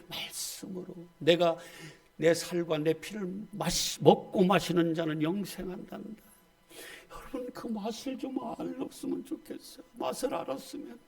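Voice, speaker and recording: A middle-aged male pastor, preaching a sermon with emphatic swings between loud exclamations and soft asides. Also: high-pitched.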